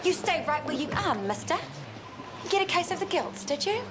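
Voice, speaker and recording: A woman's voice: high voice, sing-song, a little fast, over loud music. An actress playing an assertive, bristling professional woman in a TV soap. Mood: indignant. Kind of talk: television soap opera dialogue. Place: indoor clinic. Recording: noisy ambient TV soundtrack.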